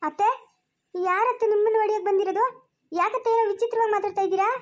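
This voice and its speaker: A woman playing a timid young daughter-in-law in a homemade comedy skit, asking high, fast, pleading questions. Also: steady tone. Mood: scared.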